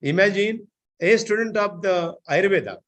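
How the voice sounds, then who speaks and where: A man giving an online seminar lecture, often filling pauses with "I think, you know". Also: high-pitched, fairly bright tone. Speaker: seminar speaker.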